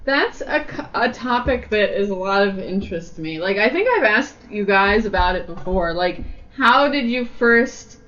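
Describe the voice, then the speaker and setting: A woman co-hosting a comedy podcast, chatting casually in a wry, hesitant, halting way. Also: mid-range voice, lively intonation, a bit bright. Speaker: podcast co-host. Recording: dull lo-fi recording with faint noise.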